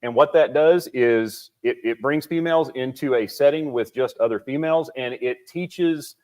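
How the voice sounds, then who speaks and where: A man's voice: mid-range voice, moderate pace, a little mellow. Guy on a studio talk show giving safety advice, earnest, says things twice. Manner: earnest, repeats key points for emphasis. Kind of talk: casual talk show interview.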